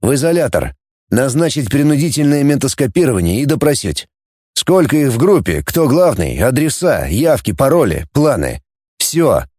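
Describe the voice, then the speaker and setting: A man's voice: mid-range voice, sing-song, moderate pace, darkish tone, husky, no echo, clean studio sound. A man reading an audiobook voices a tough, sarcastic male space-fleet coordinator who barks orders. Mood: commanding.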